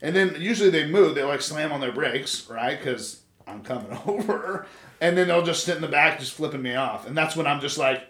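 A man's voice: fairly high pitch, lively intonation, a little fast, a bit bright. A man co-hosting a casual podcast chat, telling crude stories with lots of swearing and laughter. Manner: crude, profane, laughing storyteller. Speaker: podcast co-host. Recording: echoey room.

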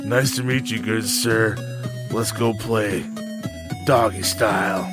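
Man doing a goofy mock-sexy voice, deep and drawn out, faint music bed. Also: steady tone. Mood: mock seductive. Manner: slow, low, mock-seductive, joking.

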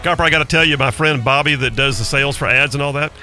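A man's voice: mid-range voice, fast talker, sharp tone, faint music behind. A middle-aged man hosting talk radio in a folksy, emphatic storytelling way, close on a studio microphone. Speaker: radio talk show host. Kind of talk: conversational talk radio monologue. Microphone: close studio broadcast microphone.

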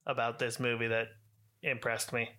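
Bright-voiced man making dry jokes. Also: medium pitch, completely flat delivery, moderate pace. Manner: dry, joking asides. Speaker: podcast co-host. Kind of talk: casual chat.

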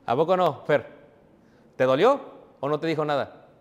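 A preacher with a high voice delivers a sermon in a hall with a long echo. He teases members of his congregation by name. When he reads scripture, he slows down and raises his voice. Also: muffled recording. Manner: reads scripture slowly and loudly. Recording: echoey hall.

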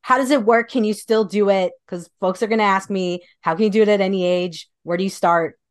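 A woman's voice: mid-range voice, steady tone, fairly quick. A woman hosting a podcast, asking curious questions in a chatty, casual way. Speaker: podcast host. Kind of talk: casual interview talk.

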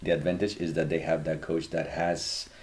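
A man's voice: a bass voice, level tone, moderate pace. A man taking part in a casual podcast chat, hesitant and often restarting his sentences. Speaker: podcast panelist.

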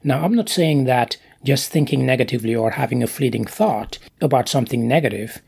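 A man hosting a motivational podcast, speaking in an emphatic monologue full of deliberate stresses. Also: mid-range voice, gravelly, darkish tone, slightly rough.

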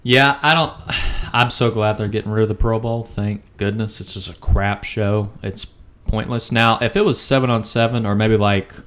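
A man's voice: lowish voice, fairly even intonation, normal speed, fairly bright tone. A man co-hosting a sports podcast in casual chat, blunt and self-deprecating. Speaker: podcast co-host.

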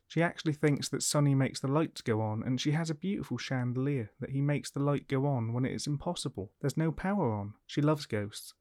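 A man's voice: mid-range voice, darkish tone, dry recording, studio quality. A man hosting a paranormal podcast, narrating from a script. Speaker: podcast host.

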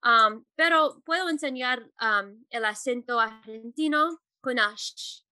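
A woman Spanish teacher answering interview questions, pausing often with fillers and correcting herself as she goes. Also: fairly high pitch, sharp tone, smooth, no room sound. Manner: hesitant, many fillers and self-corrections.

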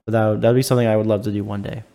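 A man's voice: on the low side, level tone, rapid-fire, vocal fry, mellow. Hesitant male podcast co-host. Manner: hesitant, full of "like" and "um". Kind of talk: casual chat.

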